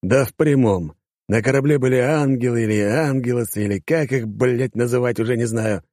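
A man's voice: medium pitch, moderate pace, a little mellow, dry recording, studio quality, voice pushed up, close to an everyday voice. A man voicing a joking, defensive male friend in an audiobook, talking in banter and excuses. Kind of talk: audiobook character voice.

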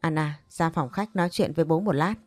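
A woman's voice: low voice, fairly quick, a little mellow, no echo. A woman voicing a stern older father who firmly scolds his adopted daughter, in a narrated story. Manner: firm, admonishing.

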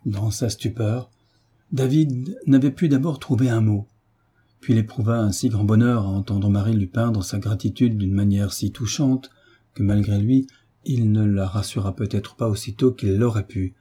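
A man reads a classic novel aloud as an audiobook, telling the story in a measured, even way. His voice is on the low side with a breathy edge.

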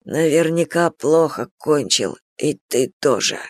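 A woman voicing a beaten, bleeding male prisoner in an audiobook, speaking low, groaning and bitter. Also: expressive, unhurried, darkish tone, dry recording. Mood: grim.

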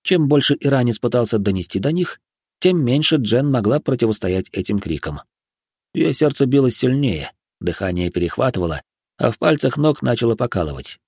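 A man reading an audiobook in an animated, expressive manner. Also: mid-range voice, fairly quick, slightly rough, no echo, clean studio sound. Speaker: narrator. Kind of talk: audiobook narration.

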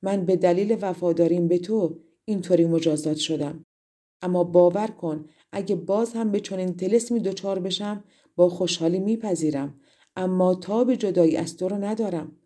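A woman's voice: fairly low pitch, mellow, lightly acted. A woman narrator voicing a loyal, sorrowful young king turned into a blue bird in a fairy tale, speaking tenderly and pleading. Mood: earnest.

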